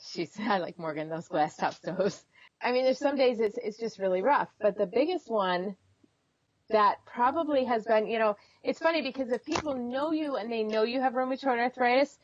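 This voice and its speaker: A middle-aged woman telling personal stories candidly in an expressive, conversational way, as an interview guest. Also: mid-range voice, no room sound, muffled recording. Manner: expressive, acts out reported dialogue.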